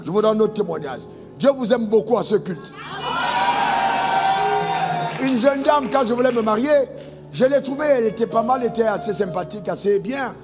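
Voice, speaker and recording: A man's voice: extremely high pitch, animated, fairly quick. A man from Côte d'Ivoire preaching a sermon as a pastor, emphatic, telling stories and calling on the congregation for amens. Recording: long reverb with faint music.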